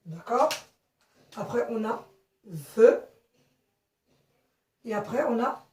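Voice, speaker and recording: A woman teaching young children a phonics lesson, speaking slowly and clearly, repeating and spelling out words and often checking they follow. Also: a little high, animated. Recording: echoey room, voice from a distance.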